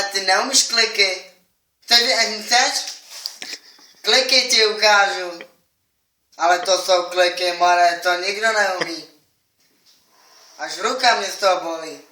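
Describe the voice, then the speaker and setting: Casting: high, bright-toned young guy, cocky and crude, taped in an echoey room from across it with faint hiss. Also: far from the mic. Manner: brash, crude and taunting. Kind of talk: rambling boastful monologue to camera.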